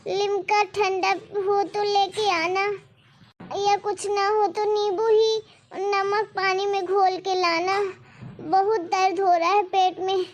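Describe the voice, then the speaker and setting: A woman voicing an elderly mother in stomach pain, who talks slowly, groans and pleads through tears. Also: very high-pitched, a little hiss or hum. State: crying in pain.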